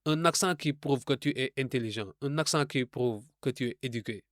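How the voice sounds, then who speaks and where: A man from francophone Africa delivers a scripted commentary in a medium-pitched voice. His manner is didactic and rhetorical, and he addresses the listener directly. The sound is dry and close, with no room around it. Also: fairly quick, a bit bright, no echo. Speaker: video essayist.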